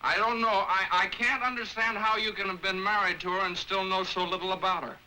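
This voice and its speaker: Halting shy young man. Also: high-pitched, steady tone, bright, forceful tone, low-quality recording. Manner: hesitant, halting, with fillers. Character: shy, stammering young man in old films. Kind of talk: classic film acting.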